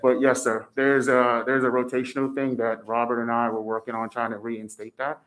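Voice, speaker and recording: A man's voice: mid-range voice, little pitch movement, normal speed, a bit bright. A man in the army giving public testimony, plainspoken and respectful, answering questions with many fillers.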